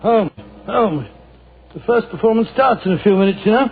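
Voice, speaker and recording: An actor playing Dr. Watson, a bluff, blustery army doctor, in a 1940s radio drama. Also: male voice, high-pitched, lively intonation, normal speed, husky, full character voice. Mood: flustered. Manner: blustery, flustered. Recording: tinny old radio broadcast.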